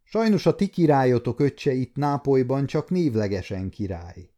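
A man's voice: medium pitch, big pitch swings, warm tone, lightly acted. A man reading the part of an old, sceptical counsellor who gives sober, weary warnings. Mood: grave.

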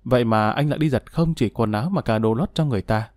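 A man's voice: medium pitch, fast, darkish tone, dry recording, studio quality, natural voice. A man voicing a bitter, remorseful male prisoner in an audiobook, weary and self-pitying.

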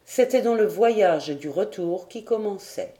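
A woman reading a classic adventure novel aloud as an audiobook narrator, calm and even. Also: mid-range voice, a little slow. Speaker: audiobook reader.

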